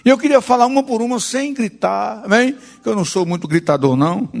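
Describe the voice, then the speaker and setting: A Brazilian male pastor preaching with a high, lively voice that leaps and drops across a wide range. His sermon swings between loud proclamations and soft, quick asides. The sound carries a long hall reverb. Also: creaky. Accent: Brazilian Portuguese.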